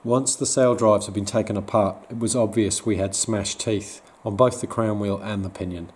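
A man's voice: fairly low pitch, steady tone, moderate pace, darkish tone, roomy sound, soft background music. A man reading a matter-of-fact voice-over for a sailing vlog. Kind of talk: scripted voice-over narration.

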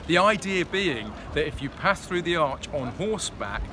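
A man's voice: a little high, very animated, moderate pace. A man in his thirties leading an architecture walking tour, explaining buildings in an informative storytelling way while standing outdoors in a busy city square, filmed on a camera held close. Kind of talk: outdoor guided tour narration. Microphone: handheld camera at close range. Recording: outdoor street with traffic noise.

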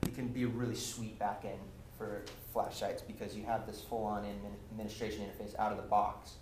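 Filmed from across a lecture room, a young man gives a casual technical meetup talk, his explanations peppered with ums and restarts. He speaks fairly quickly in a level, lowish voice, and the camera audio is echoey with a faint hiss.

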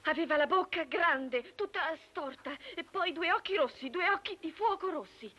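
An actress playing a dramatic, excitable wife who tells her story with theatrical flair, in a film comedy. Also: very high-pitched, normal speed, lo-fi sound, exaggerated voice. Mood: hushed.

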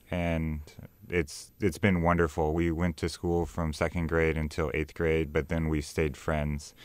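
Deep, smooth-voiced young American man. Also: dry recording. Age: young adult. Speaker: interview guest, artist. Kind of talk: conversational radio interview. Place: small radio studio. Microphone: studio broadcast microphone, close.

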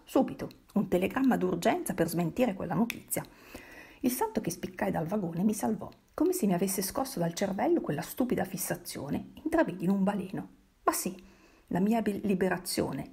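Husky gravelly woman reading a novel aloud. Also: mid-range voice, mellow. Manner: dramatic first-person reading with whispered asides. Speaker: reader.

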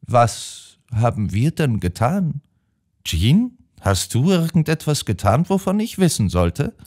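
A man's voice: medium pitch, big pitch swings, slow, darkish tone, pitched above the performer's own voice. A man voicing an anxious, timid elderly spinster sister in an audiobook. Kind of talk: audiobook character voice.

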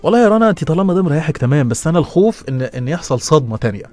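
Egyptian guy on the radio, rapid-fire advice chat, stumbles and restarts a lot, faint music behind. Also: on the high side. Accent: Egyptian Arabic. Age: middle-aged. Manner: fast, lively, stumbling restarts and laughs. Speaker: radio host answering listener messages. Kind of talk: casual advice talk on radio.

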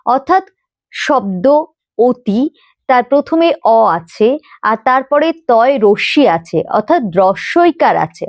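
High, lively woman teaching. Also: no echo, clean studio sound. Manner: explains slowly, spells out letters and repeats words. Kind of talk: Bengali pronunciation lesson.

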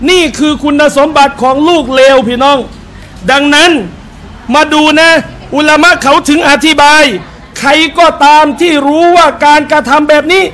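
A male Islamic religious teacher addresses a live audience in a restaurant hall as brothers and sisters, preaching through personal anecdotes and short acted quotes. He has a very high voice with a fairly bright tone and fairly even intonation, at a moderate pace, with a little hiss or hum.

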